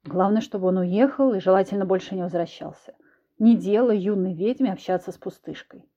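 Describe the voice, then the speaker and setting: A woman's voice: medium pitch, fairly quick, mellow, dull audio, close to an everyday voice. A woman voicing a blunt, commanding man who was once a cat, in an audiobook. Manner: curt, commanding.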